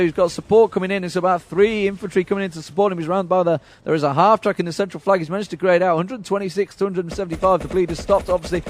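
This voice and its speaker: A man giving rapid live play-by-play commentary on a video game match at a LAN event. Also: sits high. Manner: rapid play-by-play, chuckles often. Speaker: esports commentator. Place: noisy LAN event hall.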